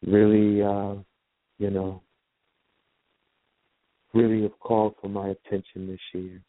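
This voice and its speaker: A man in his fifties, a radio guest, talking in an unhurried, reflective way. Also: on the low side, little pitch movement, no room sound. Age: 50s. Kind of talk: casual radio talk. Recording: dry phone-line call audio.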